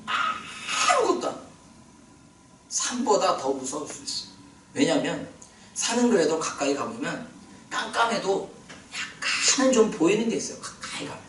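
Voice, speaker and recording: A male pastor preaching a sermon in a prayer retreat hall, animated and questioning his congregation, heard from a distance. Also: high voice, normal speed, long pauses, noisy background.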